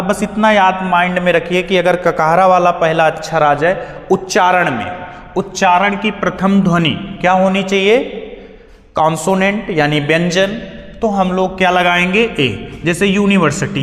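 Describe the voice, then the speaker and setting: A man's voice: sits high, a bit bright. A male teacher giving a grammar lesson, asking questions and answering them himself. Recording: echoey hall sound.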